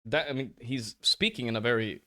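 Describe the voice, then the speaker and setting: Reviewing a match recording for his stream chat, a frustrated man swears freely and keeps repeating "like, bro." His mid-range voice is brisk, bright, and forceful, picked up by a headset or desk mic turned up high.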